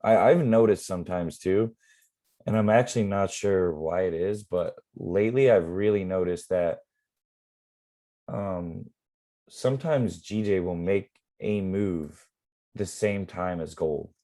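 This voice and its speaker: A man explaining live trading in a relaxed, rambling way with many fillers, his voice going hoarse. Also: deep voice, measured pace. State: losing his voice. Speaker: forex trading mentor.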